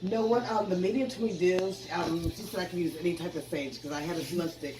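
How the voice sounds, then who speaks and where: A woman's voice: fairly low pitch, fast, reverberant, distant mic, rough recording. Earnest woman telling a ghost story. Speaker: homeowner. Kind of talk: casual interview.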